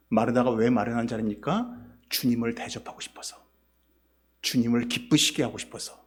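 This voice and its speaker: A male pastor preaching a sermon, posing rhetorical questions to his congregation. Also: on the high side. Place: church sanctuary.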